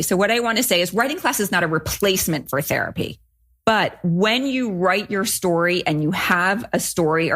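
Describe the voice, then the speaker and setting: A woman's voice: fairly low pitch, a bit bright. A woman co-hosting a podcast, talking casually and emphatically about a student's story, often restarting sentences. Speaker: podcast co-host.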